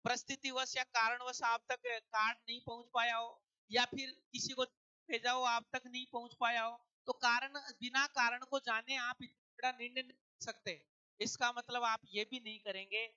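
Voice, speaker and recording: Male exam-prep tutor, crisp bright voice, dry close sound, poses and answers his own questions. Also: very high voice, level tone, normal speed, dry recording, highs cut off. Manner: explains step by step, asks and answers own questions.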